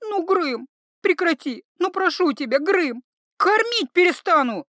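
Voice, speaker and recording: Lady doing a young herbalist girl, high and pleading, voice jumps all over. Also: sing-song, normal speed, fairly bright tone, no echo, studio quality, exaggerated voice. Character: young female herbalist, soft-hearted and pleading.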